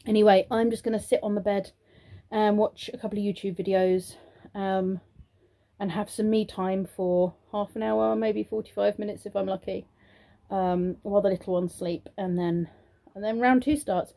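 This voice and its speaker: This young British woman's mid-range voice is gravelly and warm, with fairly even intonation and a moderate pace. Vlogging to camera indoors at home, the childminder rambles chattily with many ums, sounding throaty and congested from a sore throat. She uses a sing-song tone to praise children.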